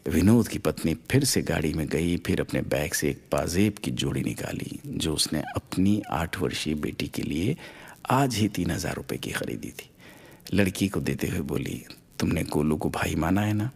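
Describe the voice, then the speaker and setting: Deep-voiced man telling a story. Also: normal speed, gravelly, husky. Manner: expressive, lifts pitch for characters' lines. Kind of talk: story narration with voiced quotes.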